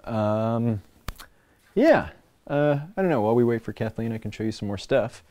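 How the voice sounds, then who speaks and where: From an indoor personal workspace, a man hosts a casual livestream, chatting in a playful, rambling show-and-tell way. His medium-pitched voice has lively intonation, a moderate pace and a slightly mellow tone, with no echo but clearly noisy room sound and clicks.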